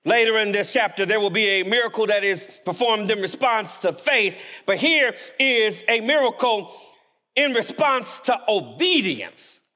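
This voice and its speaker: A man preaching a sermon in a chapel, animated and emphatic, dropping suddenly to quiet words. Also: high-pitched, unhurried.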